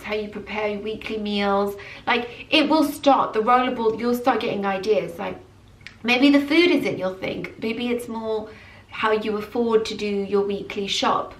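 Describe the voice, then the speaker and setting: Medium in pitch, an English woman in her early thirties delivers a motivational vlog straight to camera, casual but emphatic, lively and repetitive for emphasis. Her camera mic is distant and the room echoes.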